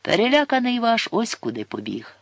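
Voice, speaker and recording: A man voicing a gruff, mocking older forester who looks down on city folk. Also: very high-pitched, huge pitch swings, moderate pace, no echo, voice pushed up, heavily acted. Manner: grumbling, scornful, folksy.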